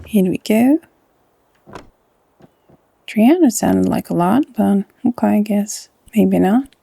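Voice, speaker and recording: A woman with a Norwegian accent hosting a casual let's-play, chatty and often dropping into a soft half-whisper. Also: mid-range voice, slow, vocal fry, breathy edge. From Norway. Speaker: gaming channel host.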